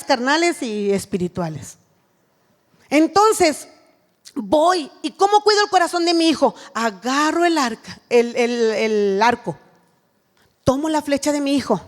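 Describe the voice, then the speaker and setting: Lady preaching in a big echoey hall, earnest, plays the mom talking to her kid. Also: sits high. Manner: earnest, teaching, acts out what a mother says to her child. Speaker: speaker at a women's church retreat. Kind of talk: sermon. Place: church retreat hall.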